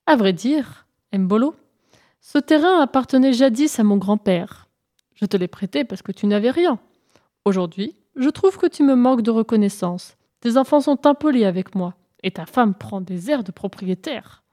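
A woman's voice: on the high side, lively intonation, moderate pace, warm tone, natural voice. A woman voicing a greedy, scheming female hyena who speaks in a false, bossy way in a storybook tale. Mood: sly, commanding. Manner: falsely friendly, then commanding.

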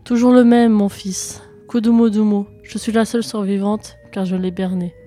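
A woman's voice: mid-range voice, fairly even intonation, moderate pace, dark tone, soft background music, close to an everyday voice. A woman voicing a village mother who is the lone survivor, speaking tenderly and fearfully to her son. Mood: sorrowful.

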